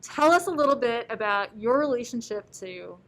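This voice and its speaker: A woman's voice: fairly high pitch, animated, normal speed, a bit bright, slight background noise. A young woman interviewing a guest, asking questions in a friendly, upbeat way. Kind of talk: conversational interview.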